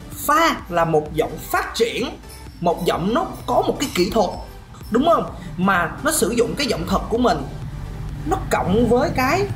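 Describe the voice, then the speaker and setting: A man teaching singing in a lively question-and-answer lesson, often chuckling and demonstrating voices. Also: high-pitched. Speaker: vocal coach. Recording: roomy room with faint music.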